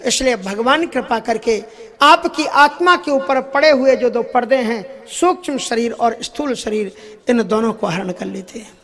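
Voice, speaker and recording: A man with a notably high-pitched voice preaches a devotional sermon. He explains spiritual ideas through everyday anecdotes, chuckles along the way, and sometimes slips into English phrases. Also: measured pace, a bit bright.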